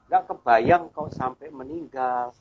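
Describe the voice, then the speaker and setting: A man's voice: mid-range voice, unhurried, a little hiss or hum. A middle-aged man, a church elder, earnestly telling his own faith story in conversation and acting out the dialogue he remembers. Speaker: church elder, guest speaker. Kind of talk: personal testimony in conversation. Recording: dull lo-fi sound.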